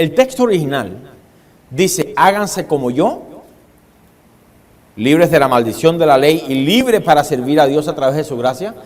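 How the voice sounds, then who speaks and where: A man preaching a sermon as a pastor, dramatic, shifting his pace and loudness and putting questions to his congregation. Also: a little high. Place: church hall with congregation. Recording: long hall reverb.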